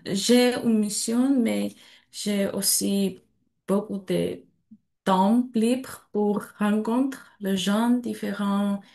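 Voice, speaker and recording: A woman in her late twenties with a Georgian accent speaks very slowly in broken, beginner French. Her voice is creaky, and she gives her testimony haltingly, hunting for words and slipping on grammar. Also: medium pitch, warm tone. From Georgia (country). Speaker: European volunteer giving testimony. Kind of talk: personal testimony at an information session.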